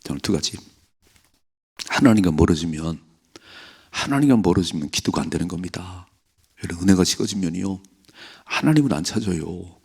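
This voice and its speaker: A man's voice: low-pitched, animated, normal speed, gravelly, pauses often, darkish tone, breathy edge. A man preaching a dawn sermon as the pastor, earnestly acting out quoted voices as he goes.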